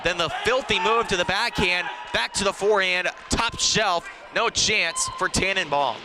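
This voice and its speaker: A man doing live ice hockey play-by-play, shouting out an excited goal call. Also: high-pitched, normal speed. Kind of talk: live sports commentary. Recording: noisy rink ambience around the mic.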